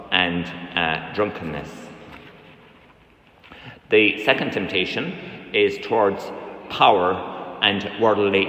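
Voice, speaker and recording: A man, a priest giving a measured sermon with occasional hesitations in a large church. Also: deep voice, fairly bright tone. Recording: echoey church from a distance.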